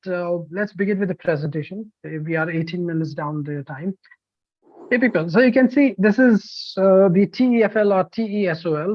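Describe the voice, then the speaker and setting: A course counselor presents a course to prospective buyers over a video call, a man with a high voice who talks a lot, full of fillers and restarts. The recording is muffled and has no echo.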